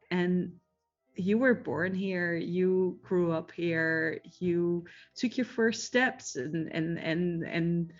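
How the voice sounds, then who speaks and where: A woman game master improvising tabletop narration in a musing, halting storytelling manner. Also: medium pitch, highs cut off.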